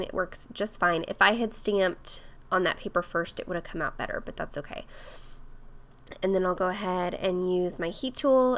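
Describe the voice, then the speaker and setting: A woman whose voice is hoarse from a cold talks through her craft project in a relaxed, chatty voice-over. Her pitch sits in a middle range, and she scatters fillers and small laughs as she explains each step. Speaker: craft vlogger. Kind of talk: casual voice-over tutorial.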